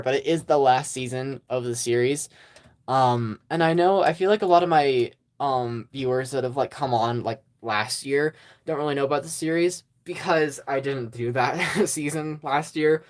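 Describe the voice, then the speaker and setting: Speaking at a moderate pace in a mid-range voice, the host of a stop-motion channel rambles through an informal update. He's hesitant, drops plenty of ums and small laughs, and is self-deprecating about the work he made before.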